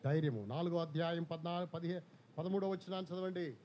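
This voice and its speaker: A man preaching a sermon, animated, throwing questions at the congregation. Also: a little high, fast talker. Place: church hall. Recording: slightly dull church recording.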